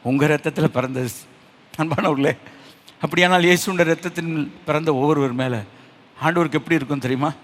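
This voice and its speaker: Man, pastor, Tamil accent, high voice, fervent preaching, repeated questions, long hall echo. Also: brisk. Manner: preaching with rising fervor, repeating rhetorical questions, mixing in English. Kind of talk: sermon. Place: church, online service.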